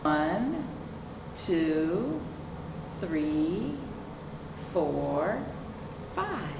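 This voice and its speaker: Reading to young children at a very slow pace, a woman with a low-set voice swings widely in pitch, performing the story expressively and prompting her listeners with basic questions. The mic sits far away, capturing a roomy, clearly noisy sound.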